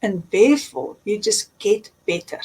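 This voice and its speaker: Speaking with a South African accent, a woman who works as a transformational coach gives sincere, advisory answers as an interview guest, often repeating herself. Her medium-pitched voice is expressive, measured, a touch mellow, and breathy at the edges. The recording is rough.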